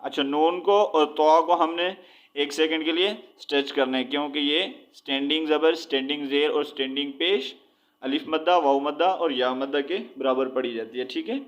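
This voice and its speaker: A man teaching Quran reading, spelling out letters and drawing words out slowly between explanations. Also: on the high side, lo-fi sound. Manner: drawn-out recitation of words, explaining with repeated checks. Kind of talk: slow spelled-out recitation lesson.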